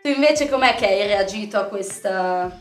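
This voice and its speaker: A woman hosting a casual chat, talking in a chatty way and often ending points with quick tag questions. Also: mid-range voice, expressive, roomy sound, soft background music.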